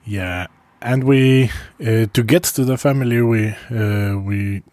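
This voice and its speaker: A man speaking in a casual first-person travel diary, halting, with frequent pauses and restarts and soft chuckles between phrases. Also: on the low side, no echo. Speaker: traveler recording a video diary.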